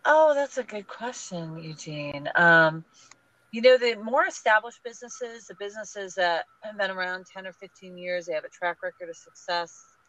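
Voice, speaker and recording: A woman guest on a podcast interview, talking in an energetic, emphatic, advice-giving way. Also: mid-range voice, normal speed. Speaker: guest, small business group leader. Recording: dull lo-fi audio.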